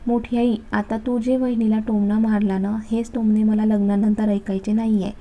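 Blunt outspoken young sister, a woman reading her lines, dark mellow tone, flat delivery. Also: medium pitch, normal speed, natural voice. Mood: angry. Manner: blunt, scolding.

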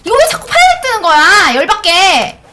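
A woman streaming a game, giving live gameplay commentary in an excitable way, pleading and groaning at each roll. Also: very high voice, normal speed, slight background noise.

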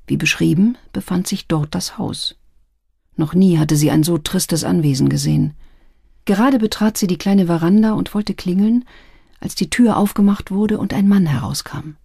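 Low husky lady reading an audiobook, gravelly, calm, dry close mic. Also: no echo. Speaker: audiobook narrator. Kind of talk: scripted narration. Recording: dry close studio sound.

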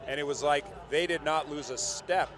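An older man doing lively play-by-play sports commentary, excitable and joking as he calls the action. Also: a little high. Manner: excitable, jokey, quick corrections. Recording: broadcast commentary over loud arena crowd.

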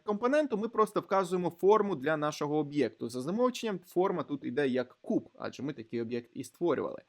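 A man teaching a screen-recorded programming tutorial, explaining step by step with hesitant fillers and restarts. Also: sits high. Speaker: programming instructor.

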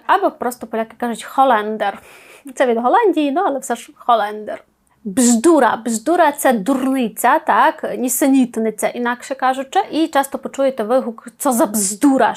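A woman with a slightly high voice teaches a language lesson. She says each example phrase slowly and deliberately. Then she drops to a softer, quieter tone to explain what it means. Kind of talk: explaining Polish phrases in Ukrainian.

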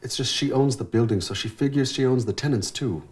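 A man's voice: mid-range voice, fairly quick, a little mellow, slightly rough, close to an everyday voice. An actor playing an awkward young man, flustered and given to dry comebacks, in film dialogue.

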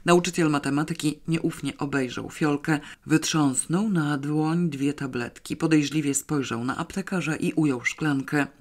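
Brief: narrator for a comic novel, dry humor, mid pitch. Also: moderate pace, few pauses. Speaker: audiobook reader. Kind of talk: scripted narration.

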